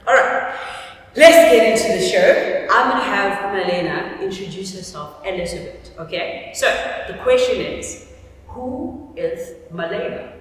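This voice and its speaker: A woman vlog host with a medium-pitched, unhurried voice chats casually to the camera and a guest, playful, teasing and self-deprecating. The room sounds distant and echoey, with faint noise.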